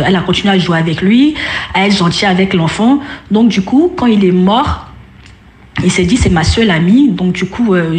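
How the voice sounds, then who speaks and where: Low-voiced woman telling a story, hesitant. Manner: hesitant, many fillers and restarts. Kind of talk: casual spoken storytelling. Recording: roomy echo.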